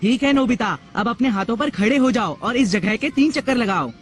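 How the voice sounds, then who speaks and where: A man's voice: very high-pitched, animated, a little fast. A man voicing a sly, snobbish sidekick schoolboy in a cartoon dub, sneering and mocking. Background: cartoon music.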